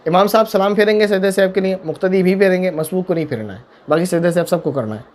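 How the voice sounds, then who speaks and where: A man's voice: high voice, quick pace, darkish tone. A man, a mufti, answering viewer questions on religious matters, emphatic and repetitive, with pointed rhetorical questions. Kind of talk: religious Q&A talk.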